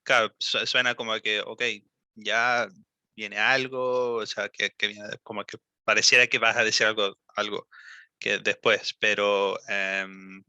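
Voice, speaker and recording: A man teaching English in a speaking lesson, patiently explaining in Spanish and modelling English phrases slowly. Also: fairly low pitch, little pitch movement, sharp tone, clean tone, no echo, highs cut off.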